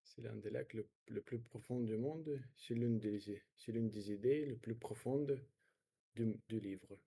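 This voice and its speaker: Man, Russian-accented French, dark soft-edged tone, raspy, halting, repeating practice phrases. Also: medium pitch. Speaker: French learner practising with a partner. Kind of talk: language practice, repeating example sentences.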